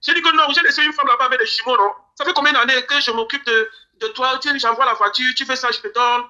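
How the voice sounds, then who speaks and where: Man pleading in grief, high and fast. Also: fairly even intonation, bright, forceful tone. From Cameroon. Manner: pleading, repeats phrases. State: grieving, near tears. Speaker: interview guest. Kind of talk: emotional interview testimony.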